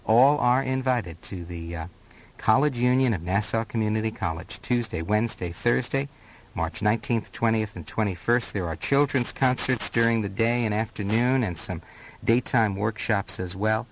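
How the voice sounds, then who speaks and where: A man working as a radio DJ, reading on-air event announcements in a steady, informative way. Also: lowish voice, a little hiss or hum, rough recording. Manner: steady, informative delivery with brief pauses. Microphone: studio microphone.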